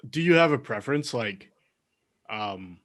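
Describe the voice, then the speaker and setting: A man's voice: mid-range voice, animated, measured pace, a bit bright. A man co-hosting a podcast, chatting casually and thinking aloud with many fillers. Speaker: podcast co-host. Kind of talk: casual chat.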